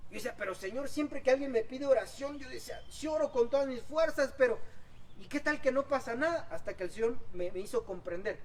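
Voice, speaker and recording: A male pastor delivers an outdoor sermon, his voice rising to loud exhortation and falling to soft asides. He sits some way from the microphone, so the sound is distant. A faint background noise runs underneath. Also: very high voice, lively intonation, a little fast. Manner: impassioned preaching, swinging between loud exhortation and soft asides. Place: outdoor church service.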